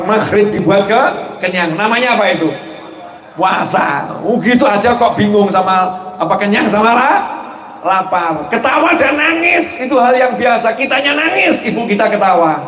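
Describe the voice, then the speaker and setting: Javanese-accented male preacher, lively and joking, high-pitched, echoey hall with faint ambience. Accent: Javanese Indonesian. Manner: animated, joking with the audience, asks rhetorical questions. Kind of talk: sermon.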